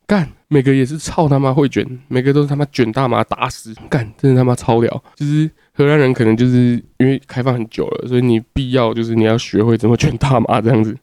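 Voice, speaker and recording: A man's voice: medium pitch, steady tone, fast, few pauses, mellow, no room sound, studio quality. A young man from Taiwan telling a crude, rambling casual story as a podcast host, swearing often.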